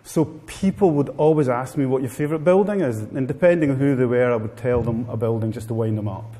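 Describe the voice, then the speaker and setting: Speaking fairly quickly in a dark-toned, medium-pitched voice, this guest speaker is a middle-aged man from Italy with a matching accent. He delivers a wry, informal talk to a live seminar crowd, and the hall adds long reverb.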